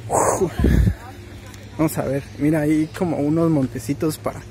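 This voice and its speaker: A man's voice: on the high side, fairly even intonation, moderate pace, warm tone, a little hiss or hum. A young Mexican man with a Mexican Spanish accent, giving rambling, slang-filled casual advice in a vlog. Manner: slangy, rambling, keeps saying güey. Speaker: vlogger.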